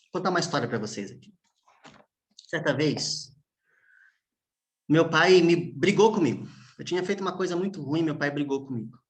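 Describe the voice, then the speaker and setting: A man, a pastor preaching a sermon as emotional storytelling, with long pauses and hushed moments. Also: fairly high pitch, expressive.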